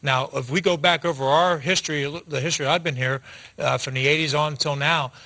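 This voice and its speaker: Man, 40s, hockey studio analyst, rapid speech, bright tone, restarts mid-sentence. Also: on the high side. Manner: fast, animated talk with restarts, gesturing with hands. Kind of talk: post-game analysis. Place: TV studio set.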